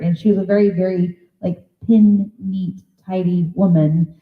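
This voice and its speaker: A woman at a convention talk tells stories at a moderate pitch, acting out each conversation as she goes. The room is echoey and the sound is thin, like it is coming through a phone line. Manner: lively storyteller who acts out conversations. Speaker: psychic medium giving a talk. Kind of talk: anecdotal storytelling presentation.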